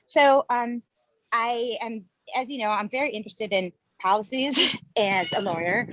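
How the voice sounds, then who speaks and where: A woman making an earnest, chatty public comment at a meeting over a crackly cell phone line that fades in and out. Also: on the high side. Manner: earnest, chatty, with small laughs. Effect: crackly cell phone line fading in and out.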